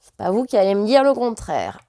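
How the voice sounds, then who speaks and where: A woman's voice: medium pitch, big pitch swings, a little fast, mellow, dry recording, studio quality. A French woman vlogger chatting casually and hesitantly, full of fillers, while showing her purchases. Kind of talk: casual chat.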